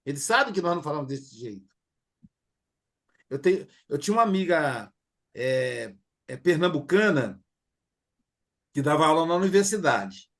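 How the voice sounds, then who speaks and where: A man's voice: on the high side, very animated, moderate pace, pauses often. A middle-aged man with a Brazilian accent giving a conversational class lecture, full of fillers and acted quotes. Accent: Brazilian Portuguese. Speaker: teacher.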